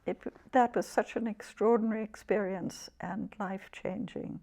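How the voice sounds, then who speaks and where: A woman in her eighties from England, a poet talking haltingly about her life and reading her own poems in an interview. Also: mid-range voice, fairly even intonation, creaky, dark tone. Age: 80s. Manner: halting, restarts often, vivid when reading. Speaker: poet guest.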